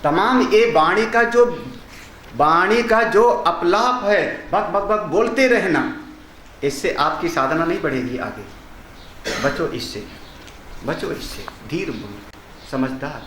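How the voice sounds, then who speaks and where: Older male swami, raised pitch, conversational sermon with chanted verses, roomy echo, faint noise. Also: expressive, slow, a bit bright. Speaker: swami teaching scripture. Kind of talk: Hindi discourse on Vedanta. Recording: echoey hall ambience.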